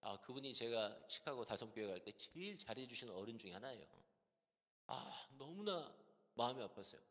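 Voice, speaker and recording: Animated pastor preaching in a reverberant hall. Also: male voice, medium pitch, normal speed. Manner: animated storytelling, acts out quoted voices of church members. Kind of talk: sermon with storytelling. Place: church sanctuary.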